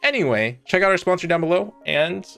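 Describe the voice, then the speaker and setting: A man's voice: high-pitched, expressive, brisk, vocal fry, over music. A man hosting an online video in casual chat, with a sarcastic, teasing, mock-polite manner. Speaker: online content creator hosting a comment-reading video. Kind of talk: casual chat reacting to comments, with a sponsor read.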